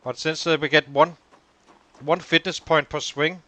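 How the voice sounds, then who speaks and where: A man with a somewhat high, bright and forceful voice talks over his game. He thinks aloud as he works through the numbers behind his progress, in easy let's play commentary. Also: fairly even intonation, measured pace. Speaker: gaming channel host.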